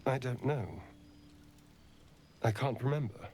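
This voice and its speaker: A man's voice: medium pitch, slow, a little mellow, natural voice. A man playing a vain, wounded, centuries-old vampire in a fantasy video game, theatrical, arch and brooding. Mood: wistful. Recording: game audio with background music.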